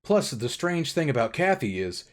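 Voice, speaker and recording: A man's voice: mid-range voice, very animated, moderate pace, close to an everyday voice. A man voicing a middle-aged small-town sheriff, with a cop voice that drifts southern. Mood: urgent.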